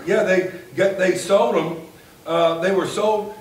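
A man in his forties preaching a sermon from a pulpit in a folksy, animated way that builds to a shout. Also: high-pitched, slow pace. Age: 40s. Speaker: pastor. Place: church sanctuary, at a pulpit. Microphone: far camera at the back of the room. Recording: echoey church from far off, faint hiss.

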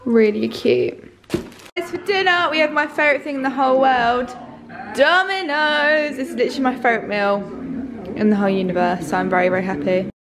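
A woman's voice: on the high side, fast, long pauses, a crowd in the background, rough recording. A young woman chatting casually to camera in a vlog, rambling with lots of fillers. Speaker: vlogger.

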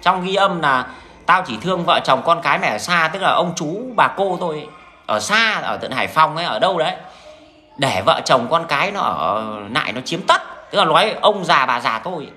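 A man's voice: fairly high pitch, animated, moderate pace, bright, forceful tone. Blunt man with a Northern Vietnamese accent. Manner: blunt, crude and frank, with many restarts. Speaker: vlogger addressing viewers. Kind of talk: casual rambling monologue.

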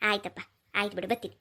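A woman's voice: medium pitch, bright, forceful tone, voice pushed down. A woman voicing a kindly old village grandmother in a cartoon, with an easygoing manner. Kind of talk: cartoon voice acting.

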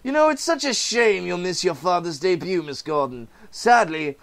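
A man's voice: sits high, lively intonation, moderate pace, a bit bright, pitched above the performer's own voice. A man voicing a cruelly jovial, theatrical clown supervillain in a mocking, showy way for a comic-book reading. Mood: gleeful, mocking. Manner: mocking, showy, mock-polite.

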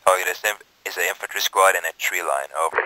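A man's voice: low-pitched, fast talker, bright, forceful tone, no echo, rough recording. A man giving clipped, procedural military radio calls as a forward observer in a game.

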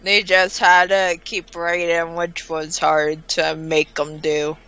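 A woman chatting casually while playing a life-sim game, bossing her character around and thinking out loud. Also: lowish voice, flat delivery, takes it slowly, smooth. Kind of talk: casual gameplay chat. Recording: slightly dull sound with faint music.

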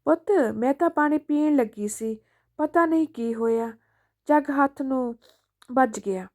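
A woman voicing an elderly mother who speaks softly and forgivingly to her son, in a storybook reading. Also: high-pitched, unhurried. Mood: pleading. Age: older.

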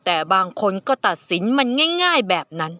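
A woman voicing a calm, reserved adult man in an audiobook romance, speaking softly and with measured care. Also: medium pitch, dry recording. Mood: gentle. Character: calm reserved adult male alpha partner.

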